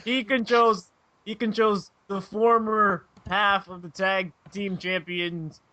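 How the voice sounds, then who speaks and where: A young man hosting a casual podcast, loud, crude and giggly as he introduces each guest. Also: high-pitched, level tone, takes it slowly, lo-fi sound. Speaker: podcast host. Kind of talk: casual chat.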